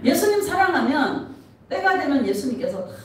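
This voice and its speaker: Lively woman preaching in an echoey church. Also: sits high, normal speed, far from the mic. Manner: animated, laughing often, asks the congregation questions. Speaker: pastor. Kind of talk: sermon. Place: church sanctuary.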